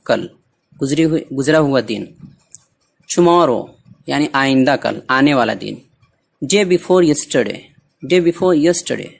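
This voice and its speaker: A man teaching a recorded language lesson, slowly and deliberately repeating each word so it can be copied. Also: fairly high pitch, vocal fry.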